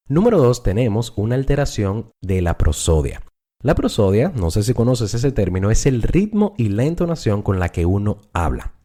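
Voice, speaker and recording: A Dominican neuropsychologist teaches in a lecture style, addressing the listener directly and repeating words for emphasis. His voice sits on the low side and sounds warm.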